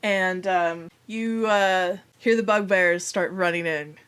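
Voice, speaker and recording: A woman's voice: on the low side, slow pace, fairly bright tone, clear, resonant tone. A woman acting as game master, narrating a tabletop role-playing session in conversational speech.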